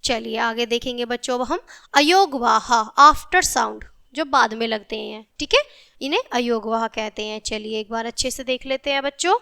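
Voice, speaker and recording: A woman with a high, bright voice teaches children a grammar lesson. She spells out letters piece by piece at a careful pace and keeps checking in with the class. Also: vocal fry, clean tone. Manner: spells out letters slowly, often says "theek hai".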